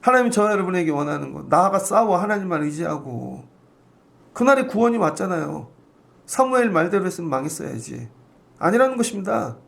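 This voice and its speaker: A man's voice: high-pitched, big pitch swings, brisk, creaky. A middle-aged man preaching a dawn church sermon, casual and conversational, often acting out the voices of the people he quotes. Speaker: pastor. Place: church sanctuary.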